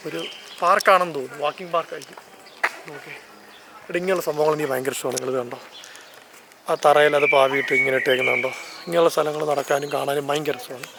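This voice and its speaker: A travel vlogger with a Malayali accent walks outdoors through a seaside town and park, holding the camera as he narrates a casual vlog. He chats enthusiastically and often corrects himself. His voice is on the high side, with background noise.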